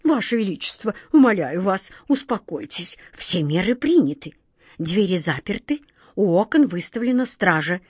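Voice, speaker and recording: A woman's voice: mid-range voice, big pitch swings, normal speed, a little mellow, slightly rough, no room sound, clean studio sound. A woman voicing a pale, anxious male court official who placates the king. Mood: placating. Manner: deferential, placating.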